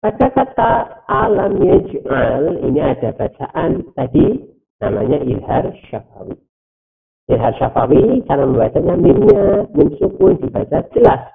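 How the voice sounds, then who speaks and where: A man teaching Quran recitation rules, explaining step by step and reciting verses slowly with drawn-out words. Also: a little high, huge pitch swings, vocal fry. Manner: slow, deliberate, drawn-out recitation with repetition. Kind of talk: recorded teaching video. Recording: tinny, phone-like, narrow sound.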